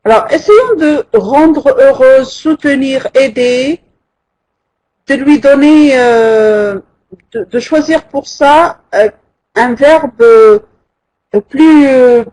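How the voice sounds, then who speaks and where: A French teacher with a high-pitched, darkish voice leads a live online class very unhurriedly. The delivery is slow, patient, and halting, with frequent hesitations, as syllables are counted out deliberately.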